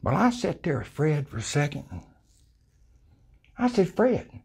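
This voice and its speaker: At a measured pace, an older man with a South Texas accent tells a folksy, colorful hunting story and acts out the voices he quotes. His fairly high voice has big pitch swings, vocal fry, and a darkish, slightly rough tone. A lapel mic in a small room recorded it.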